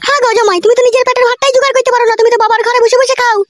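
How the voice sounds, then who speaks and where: A woman's voice: very high-pitched, fairly even intonation, very fast. A woman voicing a nagging, scolding middle-aged mother-in-law in a comedy cartoon. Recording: noisy recording.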